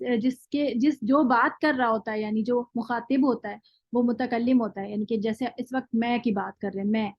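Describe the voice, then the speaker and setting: A woman's voice: a little high, dry recording, lo-fi sound. Woman teaching grammar in a lecture. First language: Urdu. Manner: explains step by step, often checks with "thik hai"; drills word forms slowly, one at a time. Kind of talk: classroom lecture.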